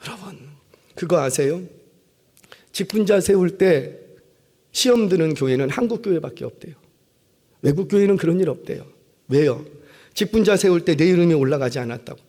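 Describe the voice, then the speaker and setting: A male pastor preaching a sermon, telling stories animatedly and acting out the voices. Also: high voice. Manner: animated storytelling, acts out voices. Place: church sanctuary. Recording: long reverb of a church hall.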